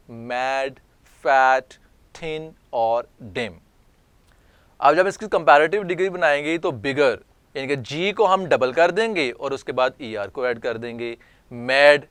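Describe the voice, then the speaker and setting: Slow, smooth-voiced male grammar teacher. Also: mid-range voice, a bit bright, no echo. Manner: slow, spells out word forms one by one. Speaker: English teacher. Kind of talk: recorded grammar lesson.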